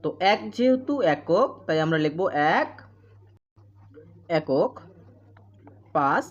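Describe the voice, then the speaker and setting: A woman's voice: mid-range voice, sing-song. Woman teaching kids math, asks and answers her own questions, muffled lo-fi sound. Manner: repeats questions and answers, counts out place values slowly. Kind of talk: primary school math lesson. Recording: dull lo-fi sound.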